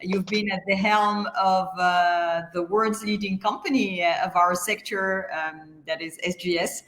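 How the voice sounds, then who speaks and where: A woman's voice: mid-range voice, steady tone, a little slow, fairly bright tone, echoey room. A woman hosting a business interview, introducing her guest with many hesitant fillers. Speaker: interview host.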